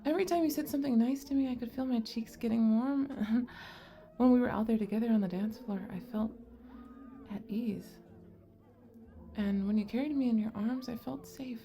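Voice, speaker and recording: Here the same shy, nerdy goblin-girl character from an ASMR romance roleplay is voiced by a woman with a fairly high, creaky voice, quiet and tentative with sweet, shy stammering. A slight hiss or hum sits under the recording.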